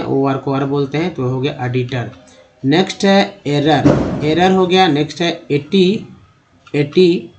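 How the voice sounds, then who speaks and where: A man's voice: a little high, darkish tone. Man spelling out English words in Hindi. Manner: spells words out letter by letter, slowly sounding them out; calls viewers "dosto" in a friendly teaching tone. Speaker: English teacher. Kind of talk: Hindi-language English reading lesson.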